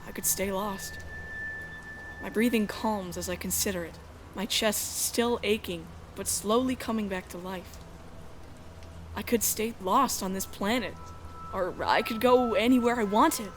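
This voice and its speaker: A woman with a medium-pitched, unhurried voice plays a young runaway heroine in a space adventure fan dub, her lightly acted delivery dramatic, emotional, anguished and defiant. It's first-person visual novel narration with a tense, reflective mood, music underneath, and slight background noise.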